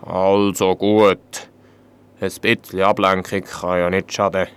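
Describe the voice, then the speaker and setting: A man voicing a big, grumpy but meek dragon in a deep, slow, plaintive voice. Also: level tone, smooth. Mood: grumbling.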